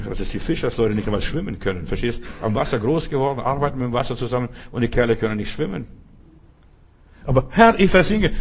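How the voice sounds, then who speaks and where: A middle-aged preacher from the former Soviet Union delivers his sermon in a husky, breathy voice that sits in an ordinary middle register. He keeps talking straight to his listener with a questioning tag, then bursts into loud, dramatic cries when he acts out calls for help. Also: mid-range voice. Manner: talks straight to the listener with repeated "verstehst du".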